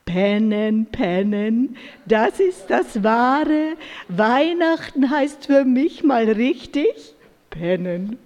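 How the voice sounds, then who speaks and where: A woman's voice: on the high side, expressive, very slow, a little mellow, big-room sound, dull audio. A woman doing a lazy, sleepy badger.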